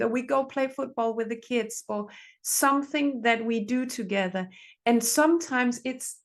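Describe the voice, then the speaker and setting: A middle-aged woman therapist, giving earnest advice in conversation and repeating phrases for emphasis. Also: fairly high pitch. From Denmark. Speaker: relationship therapist, podcast guest.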